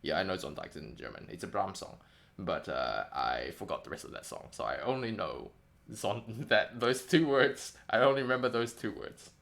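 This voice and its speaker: This speaker, an indie game developer streaming a devlog, has a low, creaky voice with a fairly bright tone and talks at normal speed. His light New Zealand English accent comes through as he chats casually and wryly, rambling and frequently correcting himself.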